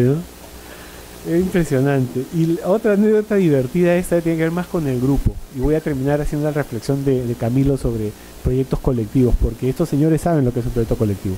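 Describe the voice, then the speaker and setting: Man, middle-aged, very dark mellow voice, slightly high pitch, rambling anecdotes, filler-heavy panel talk. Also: a little fast, slight background noise, rough recording. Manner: rambling storyteller, frequent "¿no?" and "este" fillers. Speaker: panel speaker.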